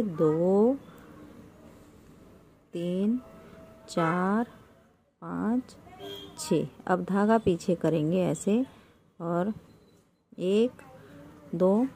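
A woman teaches knitting step by step, talking slowly and patiently and counting each stitch out loud. Her fairly low voice is warm and gravelly. A faint room hum sits behind her. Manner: addresses viewers as friend. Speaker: knitting tutorial host. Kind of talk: step-by-step craft instruction.

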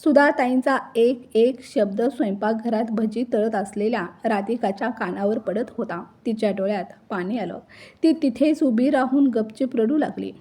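A woman reads an emotional family story aloud with measured, heartfelt narration. Her voice is slightly high, soft and breathy, with a mellow tone.

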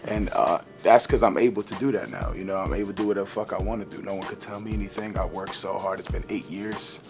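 A young rapper guest chats casually in a green-screen studio interview, laid-back and swearing freely, with plenty of "uh" and "you know". His voice sits low, with fairly even intonation and a quick pace. Music plays in the background.

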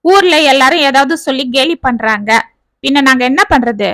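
A woman putting on a jobless young graduate from a storybook, defensive and pleading. The voice stays bright and high, recorded dry and close. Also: lively intonation, normal speed, no echo. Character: idle young man, educated and jobless, defensive. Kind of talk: storybook reading.

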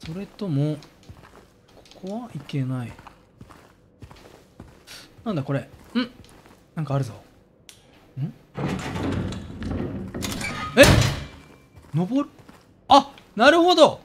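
A man's voice: sits high, sing-song, slow, long pauses, background noise. A man giving jumpy let's play commentary, yelping and squealing whenever something scares him. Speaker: game streamer. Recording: voice over game music.

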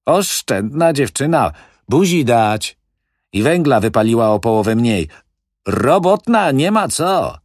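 Man doing a loud, cocky building manager. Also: medium pitch, very animated, measured pace, no room sound, clean studio sound, voice pushed up. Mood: boastful. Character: brash, boastful middle-aged male building manager.

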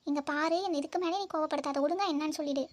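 A woman's voice: high-pitched, steady tone, very fast, lightly acted. A woman voicing a hurt, angry young woman in a cartoon, reproachful and demanding. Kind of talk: cartoon voice acting.

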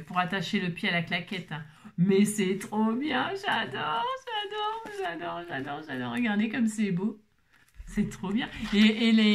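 A woman's voice: on the high side, a bit bright. A woman vlogging casually while opening craft mail at her table at home, chatty and playful, gushing over every item.

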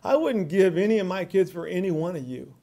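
A middle-aged man with a high, gravelly voice speaks to a reception crowd. He jokes at his own expense, repeats and restarts his words, and talks with easy conviction. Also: animated, brisk, heavy background noise. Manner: joking, self-deprecating, repeats words. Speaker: award speaker. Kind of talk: speech at a reception. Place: reception hall with audience.

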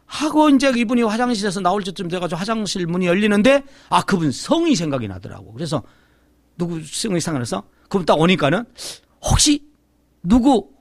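A middle-aged man, a pastor, telling a testimony sermon in an animated storytelling way, acting out the voices of the people in his story. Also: high voice, fast talker, dry recording.

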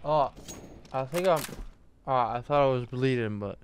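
A man's voice: mid-range voice, normal speed. A young man groggy from anesthesia after dental surgery, casually commenting on a game he is playing and joking with teammates. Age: young adult. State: groggy from anesthesia after wisdom teeth removal. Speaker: game streamer. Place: small room at home. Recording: clear gunfire and clicking noise behind.

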